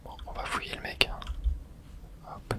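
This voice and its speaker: Whispering close to the microphone in an ASMR style, someone offers breathy, casual commentary on a video game, thinking aloud in short remarks at a normal speed.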